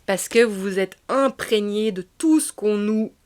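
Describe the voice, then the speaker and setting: A woman giving a casual spiritual tarot reading, speaking softly and sometimes dropping to a whisper, then rising with bursts of excitement. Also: medium pitch, unhurried. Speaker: tarot card reader and medium.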